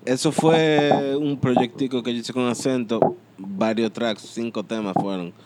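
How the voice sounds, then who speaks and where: A man, a music producer explaining his work in a relaxed, rambling way in a casual interview. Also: medium pitch, unhurried, background noise.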